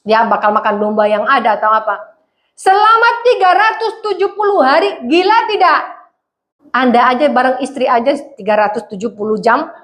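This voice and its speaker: A middle-aged woman pastor, preaching a lively conversational sermon and acting out voices. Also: high-pitched, moderate pace. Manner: animated, acts out voices, laughs often.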